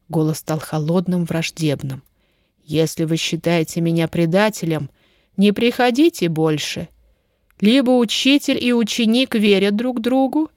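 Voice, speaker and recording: A woman voicing a young nobleman mage who speaks softly and slowly, turning cold. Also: mid-range voice, dry recording, clean studio sound, natural voice.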